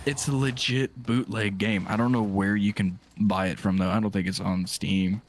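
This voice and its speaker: A young man streaming a game, chatting casually with a friend, excitable and profane, rambling as he talks. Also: fairly low pitch, normal speed, background noise. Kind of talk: casual gaming chat. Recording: music playing behind.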